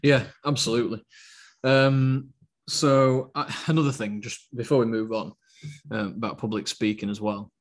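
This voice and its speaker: A man co-hosting a podcast, talking in a steady, not very animated way and hesitating with fillers. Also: medium pitch, normal speed. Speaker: podcast co-host. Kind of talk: casual podcast chat.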